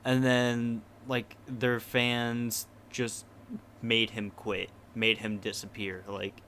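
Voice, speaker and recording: A man's voice: medium pitch, little pitch movement, slow, fairly bright tone, a little hiss or hum. A young man co-hosting a podcast, rambling casually with lots of "like" and mocking voices from ads. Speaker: podcast co-host. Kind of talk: casual chat.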